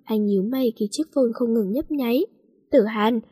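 A woman narrating a romance story in a steady storytelling voice. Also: a little high, fairly quick, husky. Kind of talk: audiobook story reading.

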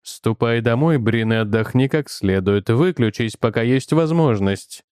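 A menacing inner voice, low and slow, nagging and mocking, as a man reads it out, close dry sound. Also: darkish tone, smooth, no echo, close to an everyday voice. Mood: insistent. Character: stern menacing inner voice, male, urging violence.

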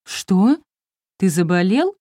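A woman's voice: mid-range voice, very animated, slow, warm tone, no echo, clean studio sound. A woman reading an audiobook, voicing an anxious, tearful young wife in an emotional, pleading tone. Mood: nervous.

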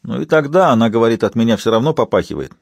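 A man voicing Marley, a nervous male worker who talks in a hurried way and is eager to agree, in an audiobook. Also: medium pitch, big pitch swings, creaky, no echo, studio quality. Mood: chatty.

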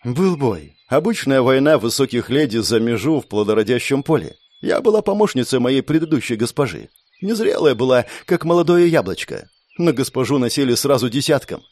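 A man's voice: mid-range voice, expressive, a little fast, a little mellow, dry recording, natural voice. A man voicing a fierce scarred woman sergeant who barks insults and orders in an audiobook. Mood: tearful recounting.

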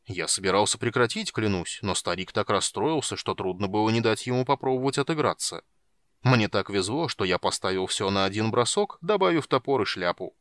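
A man's voice: fairly low pitch, animated, fairly quick, fairly bright tone, dry recording. A man voicing a sly male dwarf who rambles through sheepish excuses about his gambling.

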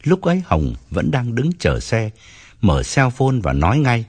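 A man narrating an audiobook story with expressive storytelling. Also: mid-range voice, a little slow, husky.

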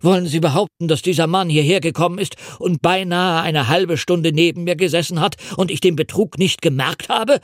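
Give me a man playing an indignant, blustering older general, raised and sharp. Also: on the high side, brisk, hardly any pauses, no room sound, studio quality, voice pushed up, natural voice.

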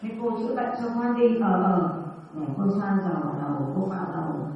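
Nun telling a story in an echoey hall. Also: female voice, mid-range voice, moderate pace, faint music behind. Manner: acts out dialogue in lively voices. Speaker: Buddhist nun telling stories. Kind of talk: sermon storytelling. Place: temple hall. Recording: echoey hall from far off, dull.

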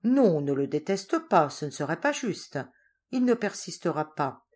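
A tender young man from an old storybook speaks softly and reassuringly, as a woman reads his part. His voice sits a little low and moves lively through each phrase, calm and kind. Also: unhurried. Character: young man, gentle loving childhood friend.

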